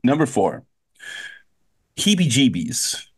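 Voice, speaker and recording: A man's voice: medium pitch, sing-song, takes it slowly, slightly rough. Playful man hosting a casual podcast. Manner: playful, jokes with mock old-movie voices. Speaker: podcast host. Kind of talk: casual chat.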